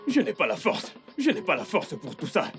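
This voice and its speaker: An actor playing a panicked young houseboy pleading on the phone, in a dubbed film drama. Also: male voice, sits high, sing-song, moderate pace, gravelly, music in the background, heavily acted. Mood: frantic.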